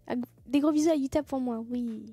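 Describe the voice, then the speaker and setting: A woman's voice: high-pitched, brisk, mellow, breathy edge, faint music behind. A young woman streamer chatting casually with her viewers, swearing freely and thanking them as she goes. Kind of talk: casual live-stream chat.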